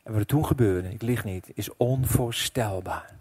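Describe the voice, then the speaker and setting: A middle-aged man preaching a sermon as pastor, telling a personal story with emotion, dropping to a hush and then rising loud. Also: fairly low pitch, moderate pace, slightly rough. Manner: emotional storytelling, swinging between hushed and loud.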